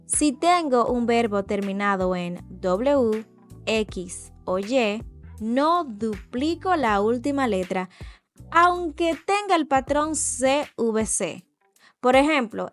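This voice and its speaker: A woman teacher explains grammar at an unhurried pace, her voice sitting a little high. She repeats example words twice and spells out patterns letter by letter. Soft music plays faintly behind her. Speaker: English teacher. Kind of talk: slow explanatory lesson.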